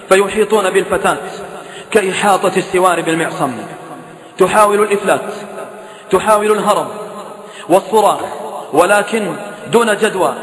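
A man with a high, ringing voice delivers an impassioned sermon, pleading with his listeners. Long reverb trails after each phrase, as if he is in a large echoey hall. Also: fairly bright tone. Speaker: preacher. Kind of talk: emotional sermon.

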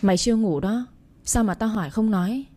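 A woman's voice: medium pitch, fairly quick, warm tone, lightly acted. A woman voicing a blunt, callous young woman, the elder half-sister, who talks in a curt, rude and dismissive way. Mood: prying.

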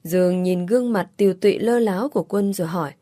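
A woman narrating an audiobook story in an even, measured way. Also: fairly low pitch, no echo, clean studio sound. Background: faint music.

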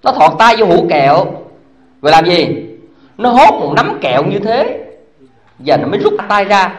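Monk preaching to a congregation, high voice, questioning the crowd. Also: male voice, normal speed. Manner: animated, asks the audience rhetorical questions; chuckles as he talks. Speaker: Buddhist monk. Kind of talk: dharma talk to a congregation.

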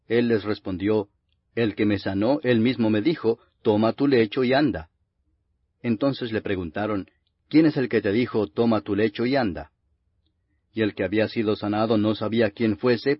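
A man reads the Bible aloud as scripted narration, solemn, grave and declamatory. His voice is on the low side and slightly rough. The audio is lo-fi, muffled and reverberant.

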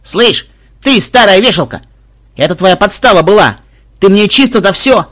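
A man voicing a rude young male thug in an audiobook, brash and yelling. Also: high voice, animated, normal speed, voice pushed up. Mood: furious.

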